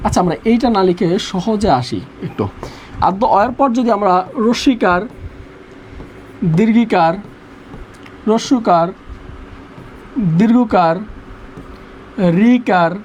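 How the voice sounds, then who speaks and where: A man's voice: high voice, darkish tone, a little hiss or hum. A young man teaching an online revision class, repeating rules and quizzing his students.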